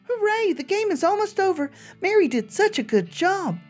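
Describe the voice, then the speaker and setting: A woman voicing a demonic girl doll from a video game, childlike, sugary and eerily calm in her cheer. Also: extremely high pitch, normal speed, faint music behind, pitched above the performer's own voice. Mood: creepily cheerful. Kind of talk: acted reading of video game dialogue.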